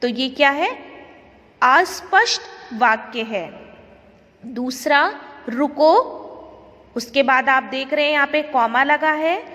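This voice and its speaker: A woman teacher talks slowly through a grammar lesson, pausing to quiz the class as she goes. Her voice sits high. The recording rings with a long reverb. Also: sharp tone. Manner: slow, explanatory, asks the class questions.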